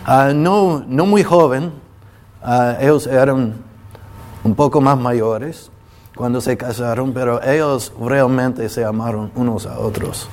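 Slow, halting preacher, a man. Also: medium pitch, darkish tone. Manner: halting, with many restarts and filler sounds; pauses when moved, apologizing to listeners. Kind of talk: emotional sermon to a congregation.

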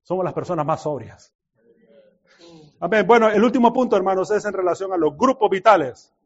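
A man preaching a sermon in an animated way, dropping to soft asides and rising to shouted exclamations, often laughing. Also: high voice, a little fast, breathy edge. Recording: dull lo-fi recording.

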